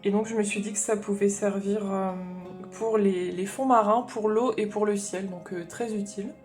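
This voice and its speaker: A woman talks through her new craft supplies in a relaxed haul vlog, explaining each choice as she thinks it over. Her voice is warm and mellow at a middle pitch. Light guitar music plays faintly behind her. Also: normal speed. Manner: chatty and explanatory, thinking aloud. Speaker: craft vlogger. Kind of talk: casual haul chat.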